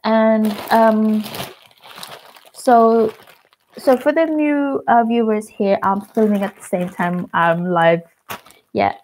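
A Filipino vlogger in her thirties, speaking with a Filipino accent, chats casually on a live unboxing stream from her living room at home, counting snacks aloud and greeting viewers by name. Her fairly high, slightly mellow voice is slow and pauses often. The wired earphone mic on her webcam gives poor audio with slight background noise.

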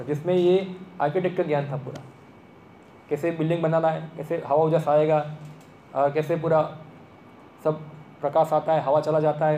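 A man's voice: a little high, mellow, a little hiss or hum. Man lecturing in an echoey hall. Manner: conversational, asks the audience questions. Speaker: speaker giving a talk. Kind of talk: lecture to an audience. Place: temple hall. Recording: echoey room with faint ambience.

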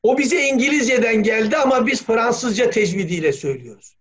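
Here a man's very high-pitched voice is expressive, brisk, and fairly bright in tone as he speaks as a language scholar during an academic discussion on a video call. He talks thoughtfully yet hesitantly, often saying "e" and spelling out words letter by letter, all captured in dull, lo-fi video call sound.

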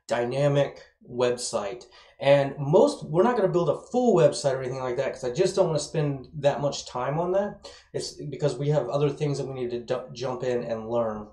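A man's voice: mid-range voice, darkish tone. A man in his thirties giving a casual, enthusiastic screencast tutorial as an instructor, his speech slightly slurred as if numb from the dentist. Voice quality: slightly slurred, numb-mouthed from dental work. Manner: enthusiastic, informal. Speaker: web development course instructor. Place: small indoor room with bare walls. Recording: roomy, echoey indoor sound.

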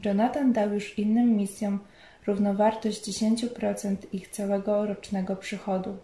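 A woman narrating a story in a measured, storytelling manner. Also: mid-range voice, level tone, dark tone. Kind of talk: scripted narration. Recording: roomy echo.

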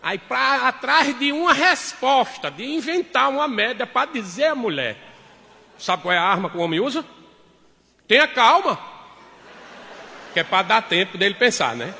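A lively man spinning a comic tale on stage, his high voice swinging widely. The tone is bright and forward, with long reverb from the hall. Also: normal speed, creaky, husky. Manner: lively, theatrical, jumps between voices. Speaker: stand-up comedian.

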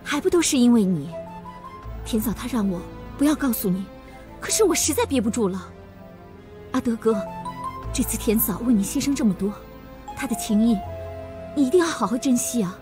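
An earnest young village son, talking in a fairly high, pleading voice. Music plays under the scene. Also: male voice, expressive, fairly quick, long pauses. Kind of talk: TV drama acting. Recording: drama audio with music underneath.

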